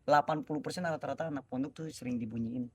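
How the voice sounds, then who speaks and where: A man's voice: mid-range voice, fairly even intonation, fast, crowd noise. A man, a co-host cutting in with questions during a casual chat. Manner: questioning, interjecting. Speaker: podcast co-host.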